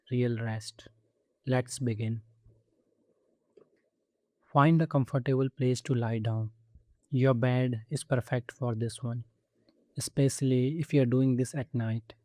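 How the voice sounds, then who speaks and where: A man's very warm, relaxed, dark voice of medium pitch guides a body scan meditation meant to relax. He is soft and soothing, pausing between each short instruction. The dry recording gives it an intimate feel.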